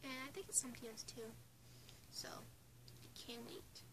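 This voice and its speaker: An eighteen-year-old woman from Newfoundland, Canada, whispers into a close phone or webcam while tucked under a bunk bed in her small bedroom. Her fairly high voice has lively intonation at a moderate pace as she rambles through a casual opinion vlog with restarts and giggles, her Newfoundland English accent clear despite the poor audio.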